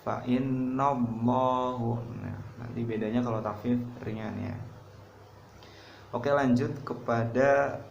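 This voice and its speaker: Slow gravelly man teaching Quran reading. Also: medium pitch, steady tone. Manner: patient, explains step by step, says "nah" often. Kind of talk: casual tajwid lesson with recited examples. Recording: roomy, dull lo-fi recording with faint noise.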